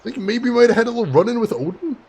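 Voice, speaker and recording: A high-voiced man streaming a game, husky and crackly at the edges. He comments casually and playfully, chatting to viewers with theatrical asides. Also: lively intonation, fast, darkish tone.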